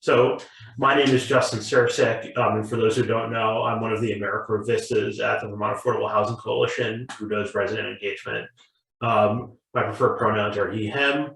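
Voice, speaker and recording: Young man, flat and gravelly, echoey. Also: lowish voice, brisk. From New Jersey. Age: young adult. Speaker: meeting host. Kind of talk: online community meeting introduction. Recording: echoey distant mic.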